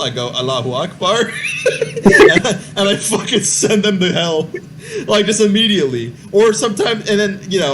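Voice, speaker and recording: A man's voice: on the high side, noisy background. A young man in casual gaming chat, rambling with many fillers and restarts. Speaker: podcast host.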